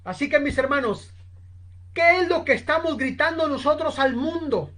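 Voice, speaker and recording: A woman preaching a sermon, telling a story slowly and with emphasis, constantly addressing her listeners as brothers. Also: high-pitched, a bit bright. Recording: online seminar recording.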